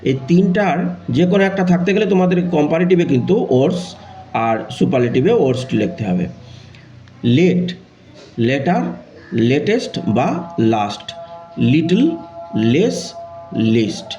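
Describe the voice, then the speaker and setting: A man's voice: mid-range voice, mellow, highs cut off. A male English grammar teacher giving an online lesson, chanting word lists and lifting his voice to announce each new rule.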